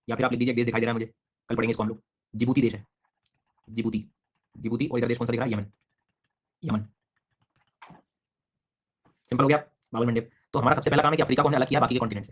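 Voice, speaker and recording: A man runs an online geography class, talking very fast and calling on students by name. His comes through as he explains and questions them. The recording is dull and lo-fi. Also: medium pitch, fairly bright tone. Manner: brisk, quizzing students by name. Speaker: teacher.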